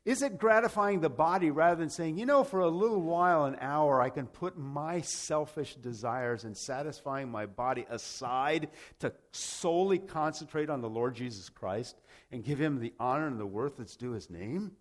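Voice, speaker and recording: Delivering a sermon built on scripture and personal stories, this preacher, raised in Rome, Italy, by American parents, speaks at normal speed in an animated, slightly high voice. He's emphatic but conversational, leaning on rhetorical questions and repetition.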